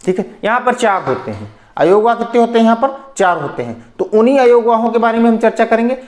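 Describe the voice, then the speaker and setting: High-voiced male teacher in an echoey room. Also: big pitch swings, quick pace, darkish tone. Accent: Hindi. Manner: explanatory, repeats "ठीक है" and asks and answers his own questions. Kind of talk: exam-prep grammar lesson.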